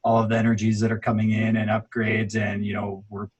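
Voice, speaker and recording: A man's voice: lowish voice, completely flat delivery, fairly quick, a little mellow, husky, dull audio. A man co-hosting a podcast, earnest and effusive, with many "you know"s and "uh"s. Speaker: podcast co-host. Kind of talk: casual interview chat.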